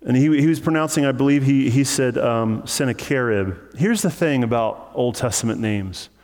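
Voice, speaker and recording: A male pastor delivers a sermon in a relaxed, chatty manner, dropping in light jokes as he teaches. His mid-range voice rings out with a long reverb tail, as if from a large sanctuary. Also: medium pitch, normal speed. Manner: casual, conversational, joking asides. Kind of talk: sermon teaching through scripture.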